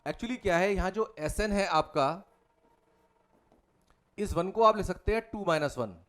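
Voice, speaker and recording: A male maths tutor with a fairly high voice works through problems on a whiteboard in a lecture, guiding students through each one step by step. He sounds animated and speaks a little slowly.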